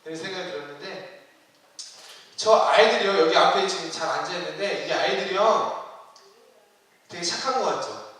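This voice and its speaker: A man's voice: sits high, expressive, normal speed, long pauses, fairly bright tone. A man preaching a sermon to his church in a conversational way, asking the congregation questions. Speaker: youth ministry preacher. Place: church sanctuary. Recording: roomy hall, distant mic.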